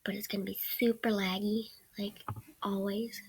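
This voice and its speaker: A teenage girl running a gaming channel is sick and losing her voice, which comes out medium-pitched, flat, gravelly and slightly rough at a moderate pace. Her gameplay commentary is hesitant and rambling, often sinking into soft mumbles. It's a rough recording from a computer mic during screen capture, with loud background noise and clicks.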